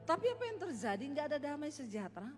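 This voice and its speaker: A woman's voice: big pitch swings, fast talker, over loud music. A woman preacher giving a sermon, telling her own story and talking straight to the congregation, stretching out the key phrases. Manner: testimonial storytelling, addresses the congregation directly; shifts in pitch and pace, drawing out key phrases.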